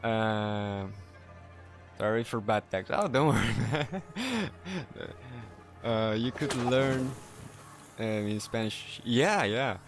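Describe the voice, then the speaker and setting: Slow, halting male streamer. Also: medium pitch, lively intonation, over music. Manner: halting, self-correcting, laughs often; careful non-native English. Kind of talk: casual gameplay chat.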